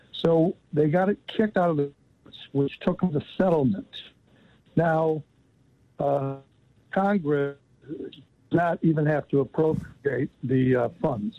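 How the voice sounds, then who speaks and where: A male caller to a talk radio show on a crackly phone line, speaking haltingly and restarting his sentences. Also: a little high, dry recording. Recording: narrow dry phone line.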